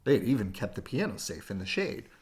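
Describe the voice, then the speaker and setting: Reading a children's tale at bedtime, a man with a lowish voice leans into expressive narration and lingers theatrically over his phrasing.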